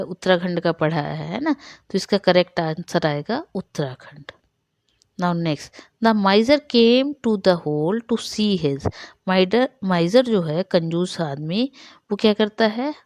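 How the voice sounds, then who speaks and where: A woman's voice: mid-range voice, darkish tone, no echo, clean studio sound. Woman teacher explaining English in Hindi. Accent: Indian. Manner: reads English slowly, then explains in Hindi; quizzing with questions she answers herself. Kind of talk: Hindi-medium English revision lesson.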